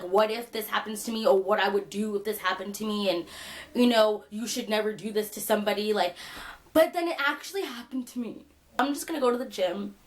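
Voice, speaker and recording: A young woman vlogger telling a funny story in casual chat, animated and laughing, with lots of fillers. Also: mid-range voice.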